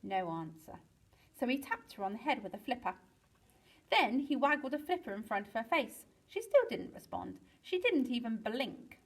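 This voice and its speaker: A woman, a teacher, reading a children's book aloud to pupils in a lively storytelling way, with big swings for the exciting parts. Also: a little high, moderate pace, slightly rough, poor audio.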